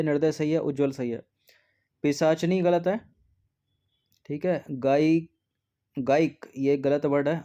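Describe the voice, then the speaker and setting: A man's voice: on the high side, dark tone. A man teaching exam preparation, going through test answers one by one in a patient way and often checking in with "okay". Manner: patient, repeats "theek hai" often.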